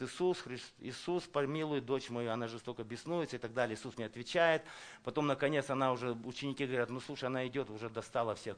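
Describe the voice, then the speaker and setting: A man preaching a sermon. He talks conversationally, asks the congregation questions, and builds intensity by repeating phrases. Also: mid-range voice. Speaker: pastor.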